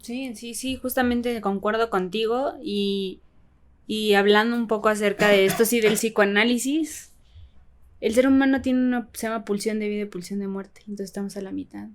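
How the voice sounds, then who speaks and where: A woman's voice: mid-range voice, steady tone, normal speed. A woman, a podcast guest explaining ideas in an earnest, casual chat. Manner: explanatory, earnest, leans on "justamente" and "exacto".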